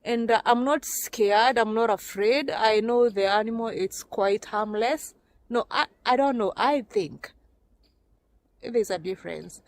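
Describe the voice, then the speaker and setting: Walking outdoors through a snowy winter forest, a Kenyan woman films a casual vlog on her phone camera, talkative and laughing frequently. Her voice is fairly high and her pace measured, and the recording sounds dry.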